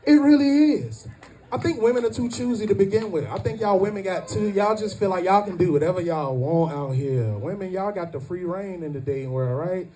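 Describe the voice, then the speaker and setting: A man in his thirties performing a stand-up comedy set at a family reunion, loud and animated, shouting his punchlines. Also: high-pitched, fairly quick, far from the mic.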